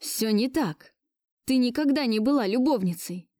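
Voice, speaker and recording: A woman's voice: fairly high pitch, animated, moderate pace, mellow, no echo, clean studio sound, voice pushed up, lightly acted. A woman voicing a domineering, possessive rich man who barks orders, in her own everyday voice. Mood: pleading. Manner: commanding, barking orders.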